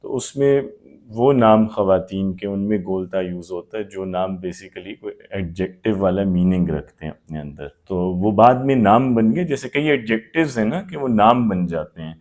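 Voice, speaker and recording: A man's voice: lowish voice, a little mellow. A man teaching Arabic grammar in a live online class, patiently explaining with many examples.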